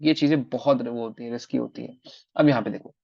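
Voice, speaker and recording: A man's voice: medium pitch, fairly even intonation, fairly quick, gravelly, breathy edge, no echo, muffled recording. A man mentoring trading students in a live online class, repeating key phrases for emphasis and switching between two languages.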